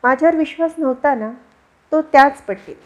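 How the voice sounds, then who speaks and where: A woman voicing a hot-tempered young male patient of about thirty who shouts and snaps orders, in a storybook reading. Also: sits high, normal speed, close to an everyday voice. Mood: angry barking. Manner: shouting, snapping, barking orders. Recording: dull lo-fi recording.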